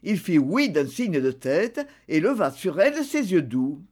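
A woman narrating a classic novel in a measured, literary reading. Her pace is unhurried and her pitch moves widely through each sentence. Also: very animated, a little mellow, husky. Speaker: audiobook reader. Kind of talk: scripted narration.

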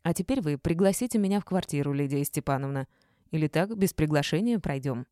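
A woman reading a gruff, domineering middle-aged boss. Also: low-pitched, animated, brisk, warm tone, dry recording, clean studio sound. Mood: mocking. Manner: growling, bossy and blunt.

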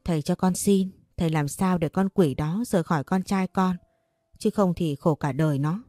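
A woman's voice: fairly low pitch, normal speed, mellow, no room sound, studio quality, faint music behind, lightly acted. A woman voicing a desperate, scheming older single mother who speaks in a pleading, anxious way.

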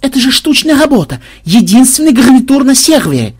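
A man's voice: sing-song, moderate pace, mellow, husky, exaggerated voice. A man voicing a haughty old female shop owner in an audiobook, prim and indignant. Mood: shrill. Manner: prim, indignant, shrill when angered.

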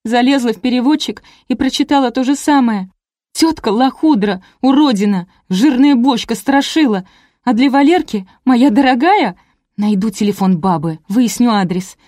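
Reading an audiobook, a woman voices a hysterical, jealous wife who shrieks and hurls insults in a shrill, furious tone. Her warm voice sits on the high side, pitched above her own natural one yet still sounding natural, at a moderate pace. The recording is dry, clean studio sound.

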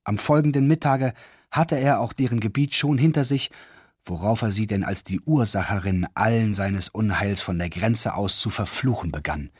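Husky male fairy-tale narrator, dry sound. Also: fairly low pitch, darkish tone, no room sound. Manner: measured, old-fashioned storytelling. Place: studio.

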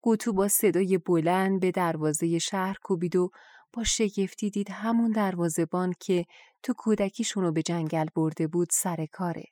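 A woman reading a folk tale aloud as an audiobook, in a steady, gentle narration. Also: fairly low pitch, dry recording, clean studio sound. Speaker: audiobook reader. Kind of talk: scripted storybook narration.

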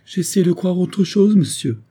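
A soft-hearted carpenter's wife in an old-fashioned storybook, tearful and pleading, her voice rising whenever her grief breaks through, as a male narrator puts her on. The timbre stays husky and dark. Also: sits high, animated, unhurried, voice pushed up, exaggerated voice. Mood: distressed. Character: tender, tearful carpenter's wife, middle-aged servant woman.

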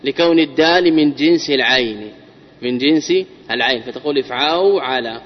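A man's voice: medium pitch, brisk. A man teaching Arabic grammar in a classroom lecture, drilling word patterns and asking his students rhetorical questions. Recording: dull lo-fi recording with long reverb.

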